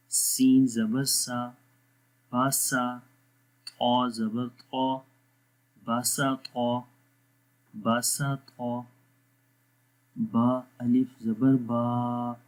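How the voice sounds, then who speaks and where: A man teaching Quran letter pronunciation, spelling out syllables one by one and stretching the vowels, then explaining the rules in quicker asides. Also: mid-range voice. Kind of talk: slow spelling-out lesson. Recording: dull lo-fi sound.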